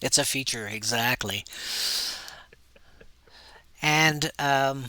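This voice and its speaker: A man hosting a tabletop game as game master, relaxed and chuckling, pausing often with "uh". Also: mid-range voice, dry recording, low-quality recording. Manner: relaxed, chuckling, with frequent "uh" pauses.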